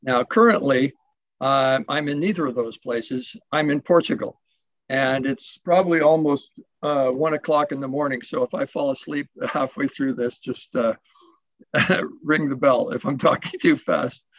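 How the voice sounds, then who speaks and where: This guest speaker at a recovery symposium, a man originally from Canada's west coast, talks over video call from his home in Portugal late at night. It's a rambling, self-deprecating personal share full of fillers and restarts, delivered in a medium-pitched, fairly bright voice at a slightly slow pace. The lo-fi recording has no room sound.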